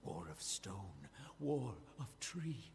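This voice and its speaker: Unhinged, gravelly, tormented villain. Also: male voice, on the low side, very animated, slow, darkish tone, exaggerated voice. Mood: haunted, anguished. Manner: unhinged, fragmented repetition, slipping into villainous menace. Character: tormented mad man haunted by marauder and soldier spirits. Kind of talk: dramatic video game character acting.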